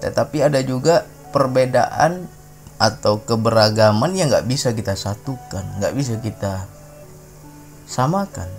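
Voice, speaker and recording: A man's voice: mid-range voice, animated, a little slow, darkish tone, soft background music. A middle-aged man from Sumatra, giving an informal spiritual talk in a conversational way, often tagging his sentences with a questioning "ya". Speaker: religious talk speaker.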